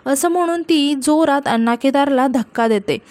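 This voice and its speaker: A woman narrating a recap of a television serial episode in a steady storytelling manner. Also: sits high, moderate pace, no room sound. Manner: steady retelling with repeated linking phrases.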